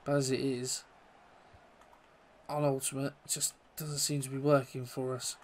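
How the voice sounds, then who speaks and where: With a mid-range voice and a moderate pace, a gaming YouTuber keeps up casual commentary over the football video game he's playing. He runs himself down a bit and bursts into excitement when goals are scored.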